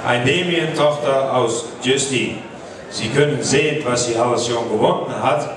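A man presenting animals at a live sale in halting phrases, heard from out in the audience. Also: mid-range voice. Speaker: sale announcer presenting cattle. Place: large indoor auction hall, recorded from audience. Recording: very echoey hall, far off, crowd.

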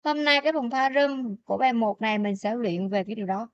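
A woman's voice: fairly high pitch, dry recording, dull audio. Woman teacher talking a lesson through, dry mic. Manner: keeps checking in with students with quick questions. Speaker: Korean language teacher. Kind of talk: explaining pronunciation rules in a lesson.

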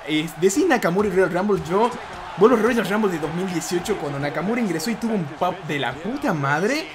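A young Argentine man excitedly commentating his own wrestling video game play, exclaiming and swearing casually. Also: high voice, background noise. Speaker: gaming YouTuber. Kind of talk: gameplay commentary.

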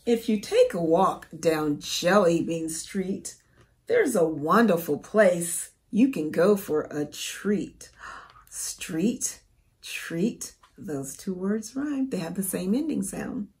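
A woman in her forties reading a storybook aloud to young children as a teacher, expressive and careful. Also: lowish voice, slow pace. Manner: expressive, careful, asks the listener questions.

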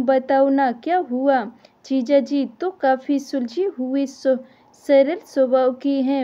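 A woman's voice: high voice, mellow, lo-fi sound. A woman voicing a patient daughter-in-law who speaks firmly and reasons things out. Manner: firm, reasoning.

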